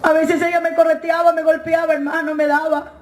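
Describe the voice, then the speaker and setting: A woman with a very high voice tells her story as an emotional church testimony, speaking to the congregation and calling them "brother" again and again. Her pitch moves little. The sound is roomy and echoey, with a faint hiss of noise behind her. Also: level tone, brisk. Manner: keeps addressing listeners as "hermano". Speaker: church member giving a testimony.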